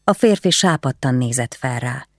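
Audiobook narration, calm, measured, dry close recording. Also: medium pitch, dry recording.

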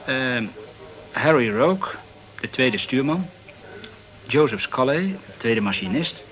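In a Dutch radio play, a man acts a polite, talkative French journalist in the tropical West Indies who peppers his talk with words. His mid-range, fairly bright voice has lively intonation and takes things slowly, with a grave, informative mood, on a rough recording.

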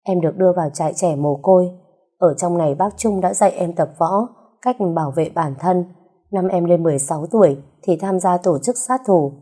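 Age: young adult woman. Figure: a woman voicing a loving, tearful young wife. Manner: emotional, pleading. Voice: mellow. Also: fairly low pitch, a little fast, slightly rough. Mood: tender.

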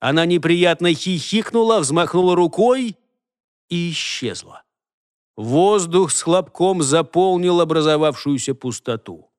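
A man reading a novel aloud as narrator, measured and expressive. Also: fairly high pitch, clean tone, no room sound, studio quality. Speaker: audiobook narrator. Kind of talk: scripted narration.

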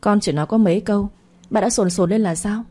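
A woman's voice: medium pitch, fast, dark tone, close to an everyday voice. A woman voicing a jealous, spoiled young daughter who talks in a whiny, spiteful way.

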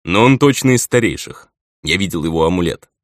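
A greedy young headman who mutters and then explodes in anger, as a male narrator plays him. A low voice with wide swings, close and dry. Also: animated, fairly quick, dry recording. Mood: sullen. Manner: sulky and explosive. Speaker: village headman.

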